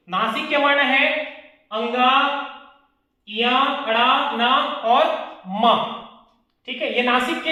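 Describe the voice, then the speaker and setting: A man's voice: very high voice, bright, forceful tone. A man teaching a grammar lesson, asking his class questions and answering them himself, repeating each key point. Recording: very echoey room.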